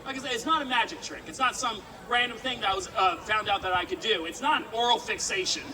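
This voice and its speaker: A woman's voice: a little high, quick pace, bright, forceful tone. A woman performing a live sword swallowing show, projecting cheeky, joking patter and bantering with the audience at an outdoor festival. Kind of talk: live comedic stage patter to a crowd. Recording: distant, noisy outdoor festival crowd recording.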